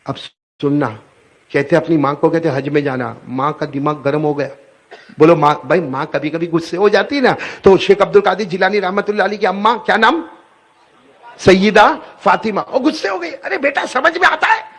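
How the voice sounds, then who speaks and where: High-voiced preacher man telling a story, keeps making the crowd repeat stuff. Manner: animated, prompts audience to repeat. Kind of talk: sermon storytelling.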